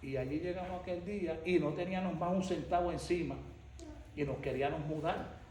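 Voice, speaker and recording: Older male pastor, emphatic testimony sermon, slightly high voice, distant noisy church recording. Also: fairly quick, a little mellow. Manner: emphatic storytelling. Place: church sanctuary. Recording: echoey church from far off, noisy.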